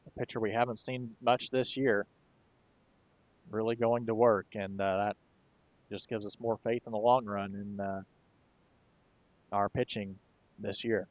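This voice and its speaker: A man doing relaxed, conversational play-by-play commentary for a baseball game, with occasional fillers. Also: fairly low pitch, measured pace, long pauses, dry recording, dull audio. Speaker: play-by-play announcer.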